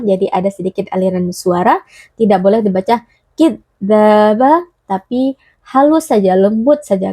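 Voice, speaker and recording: A woman's voice: mid-range voice, warm tone, no room sound. Dry-voiced woman teaching tajwid. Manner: explains rules slowly, then recites words drawn out. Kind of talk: Quran recitation lesson.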